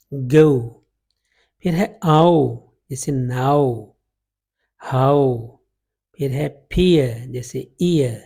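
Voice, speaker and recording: A man gives an unhurried phonetics lesson, stretching out each example word so learners can hear it. His voice is dark, husky and gravelly, pitched a little high for a man. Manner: slow, drawn-out demonstration of vowel sounds. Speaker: English teacher. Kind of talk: phonetics lecture in Urdu-Hindi with English examples.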